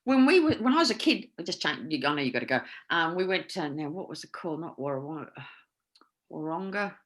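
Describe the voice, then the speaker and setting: A woman's voice: low voice, very animated, fast talker. A woman with an Australian accent co-hosting a casual comedy chat, telling stories with lots of laughter. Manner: chatty, laughing storyteller. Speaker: co-host.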